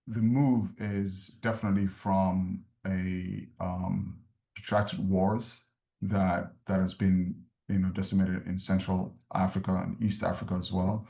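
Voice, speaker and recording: A man from Somalia speaks in a low, dark voice, laying out points in a measured, explanatory way with frequent ums. He sounds like he is in a roomy, echoey space. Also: vocal fry. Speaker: refugee services speaker. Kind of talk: webinar presentation.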